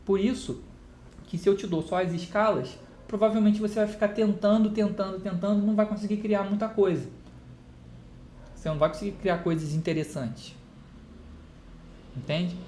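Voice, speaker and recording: A man's voice: high-pitched, fairly even intonation, moderate pace, pauses often, dark tone. A man with a Brazilian Portuguese accent, a guitar teacher talking casually to camera and answering his own rhetorical questions. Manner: explains with rhetorical questions and everyday examples, answering them himself. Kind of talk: casual spoken lesson to camera. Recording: echoey room with faint ambient noise.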